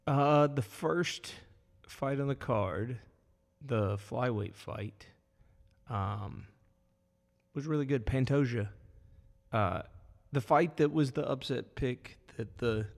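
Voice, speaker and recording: Mid-thirties male podcast co-host, rambling and relaxed, rough fry in the voice, echoey. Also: mid-range voice, takes it slowly. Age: 30s. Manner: laid-back, rambling, trails off and restarts. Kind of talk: casual chat.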